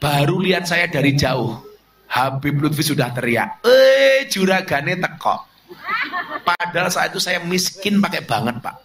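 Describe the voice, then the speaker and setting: A middle-aged man with a Javanese accent preaches a sermon to a crowd in a slightly high voice at normal speed. His delivery is animated and humorous, mixing jokes and Javanese asides into his lessons.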